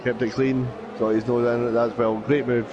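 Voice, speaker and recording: A man's voice: mid-range voice, flat delivery, moderate pace, lo-fi sound, background noise. A man giving conversational live motorsport commentary and analysis, often restating his calls as a racing commentator.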